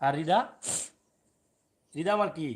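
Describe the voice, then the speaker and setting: At a measured pace, a father from Sylhet, Bangladesh, narrates his casual family vlog in a fairly high voice for a man. He shifts from chatting with his audience to gently coaxing and teasing his little boy.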